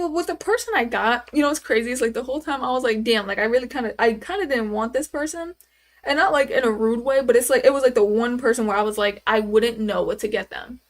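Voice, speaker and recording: A woman in her twenties chatting casually on a live stream, rambling and answering viewers' questions with lots of fillers. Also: on the high side. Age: 20s. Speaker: livestreamer.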